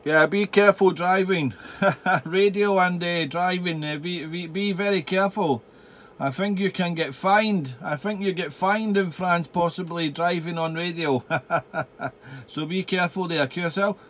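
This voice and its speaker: A high-pitched man works as an amateur radio operator in his home radio room. He chats casually, repeats his phrases and slips into call signs and phonetic spelling. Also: measured pace, a bit bright, slight background noise.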